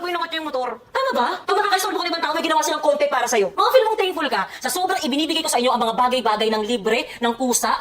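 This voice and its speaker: A woman's voice: high-pitched, a bit bright. A woman lecturing a family member in a heated confrontation, scolding at length and swearing. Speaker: family vlogger.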